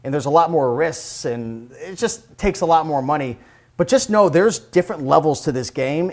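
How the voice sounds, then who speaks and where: A man giving casual advice in a vlog, a bit out of breath as he walks on a treadmill and talks in an energetic, chatty way. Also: a little high. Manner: conversational, repeats "like" and "you gotta". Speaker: online reselling vlogger.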